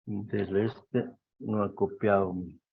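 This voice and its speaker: A man teaching a grammar class, explaining slowly and often checking that students follow. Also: fairly low pitch, steady tone, creaky, breathy edge. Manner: slow, explanatory, checks with frequent questions. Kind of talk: classroom lecture. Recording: dull lo-fi recording.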